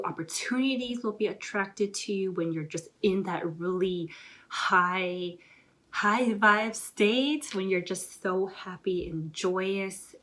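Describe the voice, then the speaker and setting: A young woman vlogger talking casually and excitedly to camera, rambling with lots of filler words as she gives motivational advice. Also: fairly low pitch.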